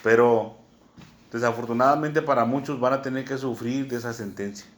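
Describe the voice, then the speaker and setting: A man with a Mexican accent preaching a sermon, teaching slowly and often checking in with "¿verdad?". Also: mid-range voice, steady tone. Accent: Mexican Spanish. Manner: unhurried teaching tone, many "¿verdad?" asides, spells words out.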